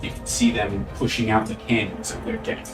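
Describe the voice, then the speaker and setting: Low-voiced man running a tabletop game. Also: flat delivery, moderate pace. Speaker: game master. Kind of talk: narrating a tabletop role-playing game. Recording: distant mic, music behind.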